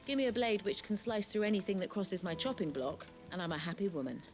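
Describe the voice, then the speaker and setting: A woman's voice: medium pitch, fast talker, faint music behind, natural voice. An actress playing a blunt, no-nonsense butcher woman in a video game. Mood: brisk. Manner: matter-of-fact, no-nonsense. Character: blunt, brisk female market butcher.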